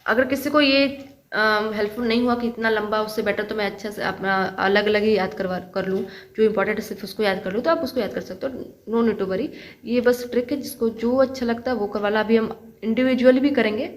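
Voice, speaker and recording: A woman's voice: a little high, rough recording. Chatty woman teaching history. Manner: chatty, repeats key words, asks and answers own questions. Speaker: exam-prep history teacher. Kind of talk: online lesson with memory tricks.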